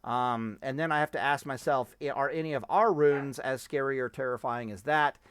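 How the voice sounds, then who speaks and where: A gaming streamer rambles casually about a game as he tests things, cursing and interrupting himself. His mid-range voice is smooth and a bit bright, and he talks at a normal speed.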